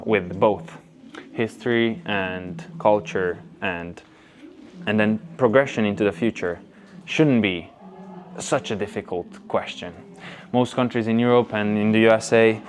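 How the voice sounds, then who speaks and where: Hungarian accent guy vlogging his opinions, kinda low voice, stresses words hard, some background noise. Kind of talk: talking to camera, opinion vlog. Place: on location at old museum buildings. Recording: clear background ambient noise.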